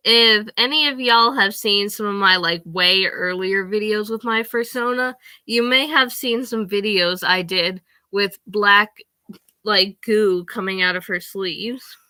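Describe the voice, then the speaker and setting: A woman's voice: mid-range voice, unhurried, pushed and bright, no room sound. A teenage girl chatting casually to the camera from her bedroom, rambling with lots of fillers. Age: teens. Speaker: vlogger.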